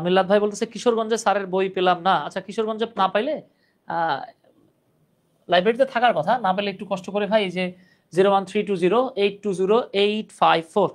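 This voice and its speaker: A young man teaching English grammar in a live online class, patiently explaining rules and reading out viewers' comments. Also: sits high.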